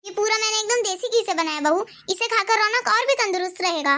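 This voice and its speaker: Woman doing a sad sweet cartoon granny, high bright voice, soft and pleading. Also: quick pace. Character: gentle widowed grandmother, sad and patient. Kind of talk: cartoon voice acting.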